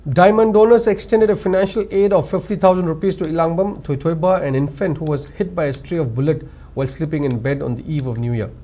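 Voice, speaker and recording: A male news anchor with a Manipuri English accent, reading scripted headlines in a formal, measured way. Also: fairly high pitch, steady tone, mellow. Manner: formal, measured, lifts each story opening.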